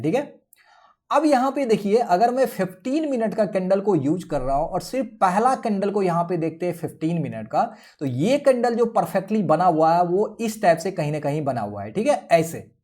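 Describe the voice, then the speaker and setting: A man's voice: sits high, darkish tone. A man giving a step-by-step chart-reading tutorial over a screen share. He keeps checking in with his viewers as he explains. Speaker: trading educator.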